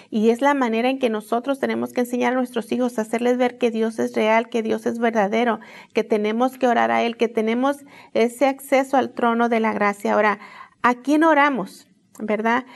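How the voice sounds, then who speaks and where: A woman's voice: fairly high pitch, gravelly, darkish tone. A middle-aged woman, giving an earnest devotional talk to women, repeating phrases and often asking "¿verdad?" to draw in her listeners. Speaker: women's ministry teacher.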